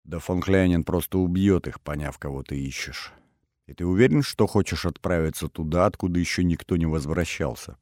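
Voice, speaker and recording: A man's voice: sits low, fairly quick, darkish tone, no room sound, studio quality, close to an everyday voice. A man voicing a blunt, level-headed young woman who speaks curtly and matter-of-factly, in an audiobook. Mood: grim, blunt. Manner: curt, matter-of-fact.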